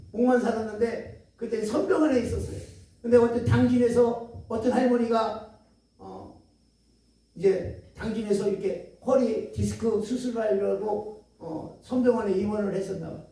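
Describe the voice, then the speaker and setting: Very high-voiced man preaching in an echoey hall. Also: recorded from a distance. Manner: animated, acts out dialogue, laughs often. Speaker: guest lecturer at a retreat center. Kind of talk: testimony sermon with storytelling.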